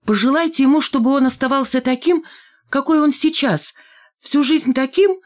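An audiobook reader voicing a kind, hurried woman teacher who is always rushing off, in a raised, fluttery voice. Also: medium pitch, animated, darkish tone, voice pushed up, natural voice. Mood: hurried cheerful. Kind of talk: audiobook character voice.

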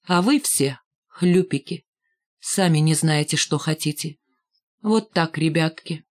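A woman's voice: low-pitched, slow pace. A woman doing a stern, scornful schoolgirl leader. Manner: cold and commanding.

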